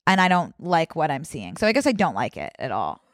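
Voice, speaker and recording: Female co-host, very expressive pitch movement, playful casual banter, dry recording. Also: brisk, no room sound. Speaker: podcast co-host. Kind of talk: casual chat.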